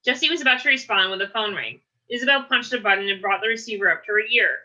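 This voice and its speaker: Steady female reader narrating a novel aloud; bright, mid-pitched voice. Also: fast talker, poor audio. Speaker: book reader.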